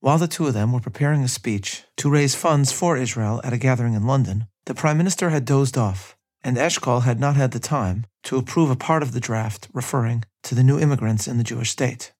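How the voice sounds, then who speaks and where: A man narrating a scripted history episode at a measured reading pace, adding his own opinions. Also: medium pitch, a little mellow. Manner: measured reading with personal asides. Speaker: history podcast host.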